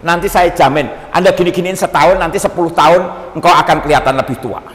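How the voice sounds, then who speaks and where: A man pastor preaching a sermon, animated and joking, often calling out to his listeners. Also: on the high side, quick pace. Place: church seminar hall. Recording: long hall reverb.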